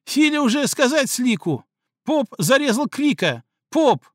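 Man putting on a terrified dog-man, shrill, cracking, whimpering, very high, story reading. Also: sing-song, measured pace, no echo, clean studio sound, exaggerated voice. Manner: shrill, breaking with fear and pain.

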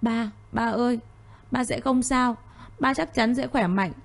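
A woman voicing a tearful, pleading young woman in an audio story, with a mellow voice and a slightly raised pitch. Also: a little fast, lightly acted.

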